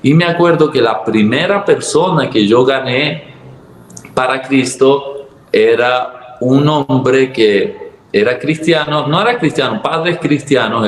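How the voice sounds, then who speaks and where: A man from Venezuela with a Venezuelan Spanish accent, a pastor telling his personal testimony in conversation, acting out what people said with sudden jumps in his voice. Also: a little slow. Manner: lively storyteller who acts out dialogue with sudden jumps in pitch. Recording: roomy echo.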